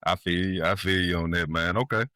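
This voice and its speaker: A man's voice: low-pitched, fairly even intonation, brisk, pushed and bright, no room sound, clean studio sound. A man in his late thirties hosting a casual interview podcast, easygoing, with many short agreements. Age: 30s. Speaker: podcast host.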